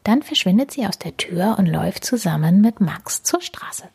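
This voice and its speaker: Breathy woman reading a children's story. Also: medium pitch, normal speed, no echo, clean studio sound. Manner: warm, animated storytelling for kids.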